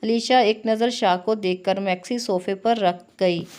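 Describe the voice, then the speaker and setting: A woman reading a romance novel aloud as narrator, with steady storytelling. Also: mid-range voice, a little slow.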